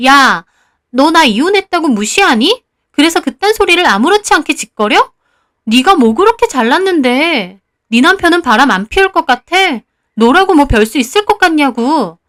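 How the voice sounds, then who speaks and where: A woman doing a shrill, furious divorced woman. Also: animated, measured pace, a bit bright. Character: brash divorced woman, defensive and quick to rage.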